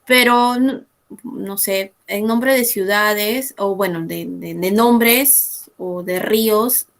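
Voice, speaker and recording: A woman student asking the teacher a question, unsure and halting. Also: medium pitch.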